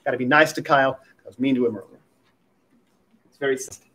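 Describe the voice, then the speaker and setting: A man's voice: mid-range voice, fast, sharp tone. A man preaching a sermon at a pulpit microphone as pastor, talking in a conversational way with light humorous asides.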